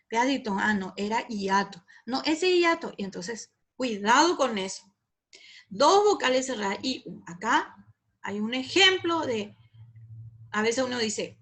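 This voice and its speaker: A woman's voice: on the high side, fairly bright tone. A woman teacher with a Paraguayan Spanish accent giving a recorded class lecture, explaining patiently, repeating examples and checking with her students.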